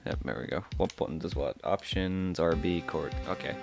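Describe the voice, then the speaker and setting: Deep-voiced man casually streaming a game. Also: normal speed, gravelly, over loud music. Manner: offhand, muttering to himself. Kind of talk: casual gameplay commentary.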